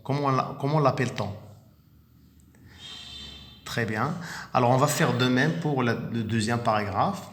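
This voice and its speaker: A man's voice: mid-range voice, unhurried, long pauses, echoey room, slight background noise. A man with a Moroccan French accent, teaching a primary reading lesson, patiently sounding out and repeating words. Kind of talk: slow, clearly articulated reading lesson.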